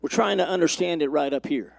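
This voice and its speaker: A man's voice: fairly high pitch, a little fast, gravelly, no echo, clean studio sound. A male pastor preaching a sermon to his congregation, with rising and falling emphasis and questions to the room. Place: church.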